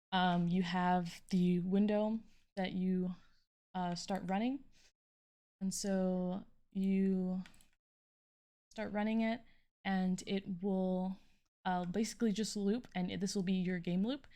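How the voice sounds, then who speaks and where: A young adult woman, a student, gives an informal, halting walkthrough of a programming project, thinking aloud as she goes and sometimes trailing off. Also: mid-range voice, vocal fry, darkish tone. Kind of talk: informal screen-recorded code walkthrough.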